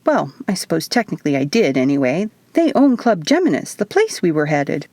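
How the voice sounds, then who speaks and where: A woman's voice: sits low, very animated, brisk, darkish tone, no room sound, full character voice. A woman voicing a bubbly, giggly young female clone who chirps in valley-girl talk.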